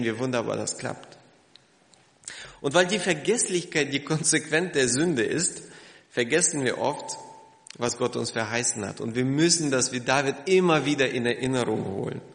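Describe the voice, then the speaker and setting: A man preaching a sermon to his congregation, lively and emphatic, asking rhetorical questions. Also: medium pitch, vocal fry, reverberant, long reverb tail. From Germany. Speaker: pastor.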